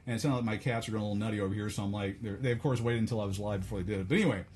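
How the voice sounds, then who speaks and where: A man's voice: on the low side, rapid-fire, darkish tone, slight background noise. Rambling man hosting live. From Southern United States. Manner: casual, rambling, blunt and self-deprecating. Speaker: podcast host. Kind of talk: live podcast monologue. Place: home room, seated in a chair.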